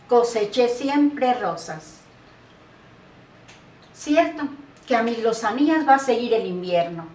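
A woman in her seventies declaiming poetry in a grand, solemn, theatrical manner with emphatic phrasing. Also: fairly high pitch. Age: 70s. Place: small bare indoor room by a door. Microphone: camera mic a few steps away. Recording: roomy echo, distant mic, faint noise.

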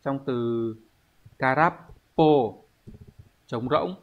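A man teaching an online language lesson, explaining step by step at an unhurried pace and thinking aloud with pauses. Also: medium pitch, narrow, tinny audio. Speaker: Japanese teacher.

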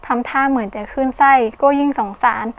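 A woman narrating an audiobook novel in an expressive, storytelling manner. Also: sits high, brisk.

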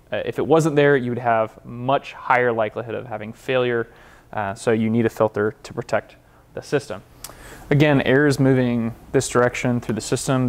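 A man in his thirties from an HVAC company gives a practical equipment walkthrough in a large warehouse workshop with concrete block walls. His mid-pitched delivery is plain, and he explains with hand gestures.

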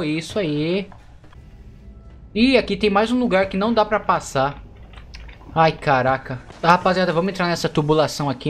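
A man from Brazil giving excitable, chatty let's play commentary to his viewers. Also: fairly high pitch, slight background noise. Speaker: gaming YouTuber.

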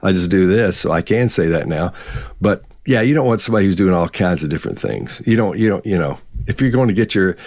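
A man's voice: low-pitched, fast talker, no room sound, clean studio sound. A man in his fifties co-hosting a live Q&A over a video call, telling stories and acting out quotes. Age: 50s. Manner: animated storyteller, acts out quotes. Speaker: co-host. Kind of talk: casual live Q&A chat. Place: home office with bookshelves. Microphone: video call webcam.

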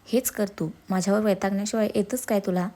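A woman voicing a reproachful, sharp-tongued young wife in a storybook reading. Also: medium pitch, steady tone, a little fast, lightly acted. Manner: reproachful, sarcastic.

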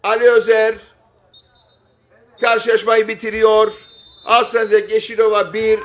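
A man giving excited football play-by-play in clipped short phrases, shouting and stretching out his calls at big moments. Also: high-pitched, measured pace. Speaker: football match commentator. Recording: stadium crowd noise behind voice. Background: football crowd.

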